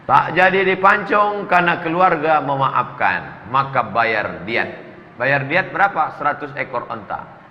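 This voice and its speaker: A man's voice: medium pitch, measured pace, slight background noise. A man preaching in a humorous question-and-answer sermon, reading out questions and answering with jokes. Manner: jokey, animated, reads questions aloud then answers. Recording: echoey hall, slightly dull sound.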